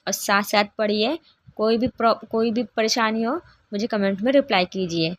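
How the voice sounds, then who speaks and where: A woman's voice: mid-range voice, moderate pace, dry recording. A woman teaching a beginners' Quran reading lesson, patient and encouraging, drawing out each letter sound for learners to repeat.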